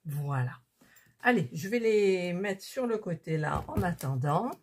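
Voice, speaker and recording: A woman's voice: lowish voice, expressive, measured pace, heavy background noise. A woman chatting casually to her viewers while unpacking and trying out things she bought. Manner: chatty, talks to viewers while fiddling with items. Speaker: vlogger showing purchases. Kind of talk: casual haul chat.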